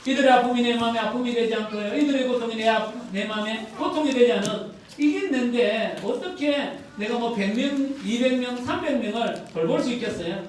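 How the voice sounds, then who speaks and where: A male pastor preaches a chatty sermon in a church sanctuary, frequently posing rhetorical questions to the congregation. His very high-pitched voice is fairly quick, picked up from a distant mic in a very echoey hall, with a little hiss or hum.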